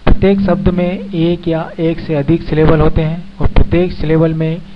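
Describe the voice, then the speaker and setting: A man with a somewhat high voice and a flat delivery teaches a slow, spoken beginner English grammar lesson at normal speed, explaining each point step by step and repeating example words. The recording is dull and lo-fi, with faint noise in the background.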